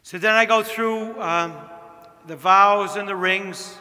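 High-voiced priest, joking and directive. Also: male voice, fairly even intonation, slow, sharp tone. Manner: chatty, directive, joking asides. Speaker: priest leading a wedding rehearsal. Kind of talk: giving stage directions at a rehearsal. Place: large church. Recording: long church reverb.

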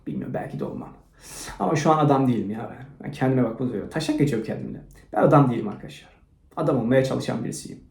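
A man hosting his own channel, rambling through a crude, self-mocking monologue that swings from low mumbling to loud rants. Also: sing-song, very fast, creaky. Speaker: channel host. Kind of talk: rambling motivational vlog monologue. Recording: roomy echo.

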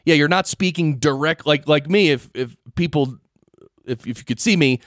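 A man hosting a podcast, chatting casually and explaining technical points in a halting, repeating way. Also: fairly high pitch, a bit bright, dry recording, studio quality. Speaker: podcast host. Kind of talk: casual technical interview chat. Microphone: dynamic studio mic an inch from mouth.

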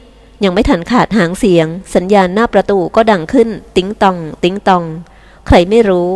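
Calm woman reading an audiobook. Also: medium pitch, a little fast. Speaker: audiobook reader. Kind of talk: scripted narration.

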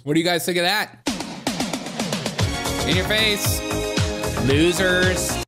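Loud music plays behind a high-pitched man in his thirties as he mocks the news with sarcastic comedy from a small room. He laughs, draws out his spelling, and uses a desk microphone on camera.

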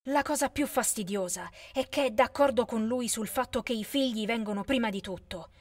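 A woman voicing a teenage boy who talks low and quietly. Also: moderate pace, dry recording, clean studio sound, lightly acted. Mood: bitter. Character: teenage boy, calm and let down.

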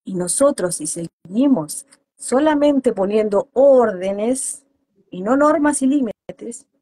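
A woman with a slightly high but mellow, husky voice talks earnestly in an interview. She presses her points about raising children with emphasis. The sound is close and dry, with no room around it. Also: animated, slow. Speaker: guest therapist. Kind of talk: interview on parenting.

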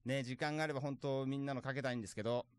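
A man's voice: mid-range voice, fairly even intonation, clean tone, dry recording. A man with a Tohoku accent, a guest musician chatting cheerfully in a radio studio. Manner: fast, upbeat, cheerful self-talk. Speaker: guest musician and event organizer. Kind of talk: casual radio chat.

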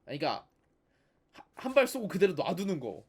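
억양 변화가 큰 높은 톤의 남자 게임 해설. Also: male voice, a little high, huge pitch swings, brisk, darkish tone, slightly rough. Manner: sarcastic, nagging, talks back at game characters. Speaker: gaming video host. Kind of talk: casual game playthrough commentary.

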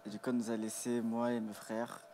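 A man's voice: lowish voice, little pitch movement, fast talker, warm tone, slight background noise. A man from the Paris region telling a childhood story casually, with lots of hesitations. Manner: hesitant, filler-heavy. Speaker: co-host.

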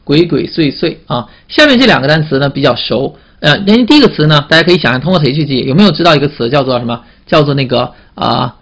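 Man, teacher, vocabulary lesson, slightly high voice, call-and-response questions. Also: lively intonation, vocal fry, a bit bright. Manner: repetitive, drawn-out "啊" fillers and call-and-response questions. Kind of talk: classroom vocabulary lecture.

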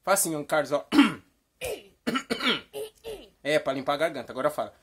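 A woman hosting a playful comedy vlog, rambling and teasing, with sudden mock shouts. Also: low-pitched, very fast. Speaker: vlog host.

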